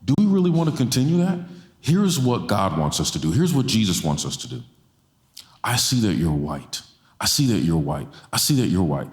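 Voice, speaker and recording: A man in his forties, appearing as a guest speaker, addresses a church audience from the stage with a handheld mic. His fairly low voice swings widely in pitch at a moderate pace, and he repeats lines for stress, his passion echoing through the roomy hall.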